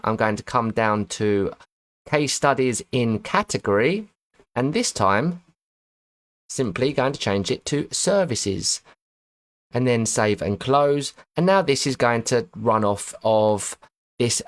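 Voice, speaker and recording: Male tutor, mid-pitched voice, methodical and self-correcting, screen-recording walkthrough. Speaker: web design tutor.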